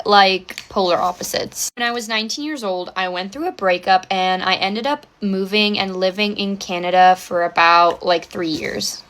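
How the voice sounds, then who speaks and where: A South African woman in her twenties, speaking with an American accent, chats upbeat and directly to her viewers in a get-ready-with-me vlog as a social media influencer. Her mid-range voice is a bit bright, and the recording carries a little hiss or hum.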